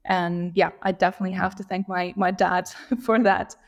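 A woman's voice: fairly low pitch, fairly even intonation, moderate pace. A woman in her thirties from Lithuania, a guest on an interview show, talking thoughtfully about her path into her work. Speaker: guest, operations leader. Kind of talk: casual interview.

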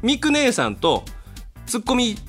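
A man's voice: extremely high pitch, a little slow, faint music behind. A man with a Kansai accent, a voice actor guest chatting casually and acting out the people he quotes. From Kansai, Japan. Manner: animated storyteller, acts out quotes. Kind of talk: casual chat.

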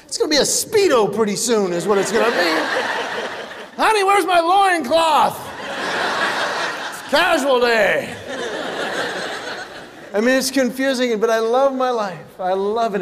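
A middle-aged male comedian doing stand-up, telling animated stories with sudden shouts. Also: high voice. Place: live stage venue. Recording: live hall reverb with audience noise.

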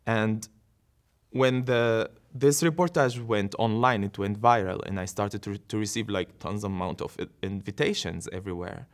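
A Syrian dancer, appearing as an interview guest, tells his personal story in an earnest, reflective way, with short laughs and restarts. His voice is on the low side and moves at a normal speed.

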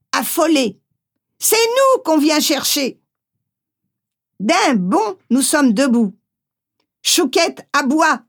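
A woman reading a first-person memoir aloud, gently, acting out the voices she quotes. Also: sits high. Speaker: audiobook reader.

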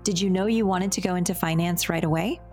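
A woman's voice: on the low side, quick pace, darkish tone, soft background music. A woman hosting a podcast, reading polished scripted introductions and questions. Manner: polished, clearly read. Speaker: host.

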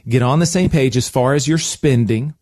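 A man's voice: mid-range voice, normal speed, darkish tone, no room sound, studio quality. A man coaching listeners conversationally as a financial advisor, emphatic and coaxing, often checking in with short tag questions. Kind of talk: conversational advice podcast.

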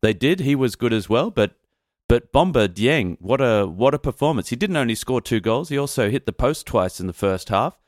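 A man's voice: medium pitch, animated, moderate pace, no room sound, studio quality. A man giving conversational football analysis as a podcast panellist.

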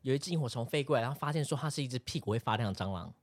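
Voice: mid-range voice, lively intonation, rapid-fire. A podcast co-host, telling a rambling story with many restarts in casual chat.

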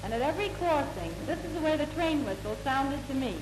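A woman's voice: sits high, lively intonation, fairly quick, over music. A woman speaking in a light, chatty way on an old 1930s newsreel demonstration. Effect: old 1930s newsreel audio. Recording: echoey, noisy old newsreel soundtrack.

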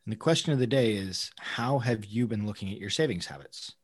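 A man in conversational podcast talk as co-host, thinking aloud in a halting way. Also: fairly low pitch, lively intonation, slightly rough.

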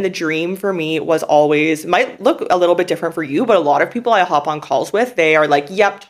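A woman in her twenties from Canada, hosting a podcast and talking in a loose, rambling way full of fillers and restarts. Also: on the low side. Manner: rambling, filler-heavy, lots of "like". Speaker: podcast host. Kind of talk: casual podcast chat.

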